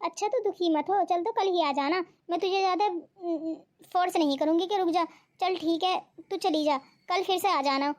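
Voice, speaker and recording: A kind, cheerful young cartoon bride who reassures her friend, as voiced by a woman. Her voice is very high. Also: normal speed, few pauses. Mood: reassuring. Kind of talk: cartoon voice acting.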